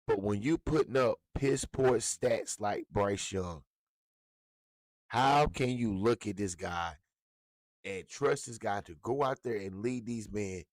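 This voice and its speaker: A man's voice: on the low side, slow pace, no room sound. A man giving a blunt, profane, heated rant as a sports commentator. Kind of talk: ranting sports talk.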